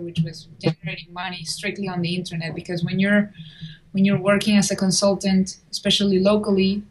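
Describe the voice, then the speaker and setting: A woman's voice: medium pitch, rough recording. Chatty woman. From Chile. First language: Spanish. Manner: chatty, with frequent restarts and small laughs. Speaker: guest. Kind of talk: casual interview.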